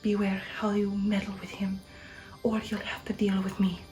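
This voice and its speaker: Woman reading as commanding, breathy Count Dracula over music. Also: medium pitch, little pitch movement, normal speed, a little mellow, natural voice. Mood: furious, possessive. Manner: commanding, menacing, hissed. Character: imperious, furious male vampire count. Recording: music under the voice.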